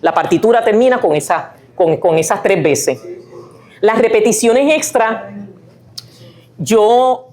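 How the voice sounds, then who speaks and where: A woman's voice: mid-range voice, slow pace, long pauses, darkish tone. A woman author giving a chatty talk, full of fillers and restarts, sometimes humming or singing lines to make a point. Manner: chatty, many fillers and restarts, tag questions; sings and hums lines of a song to illustrate. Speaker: author and guest speaker. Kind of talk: lecture-style talk.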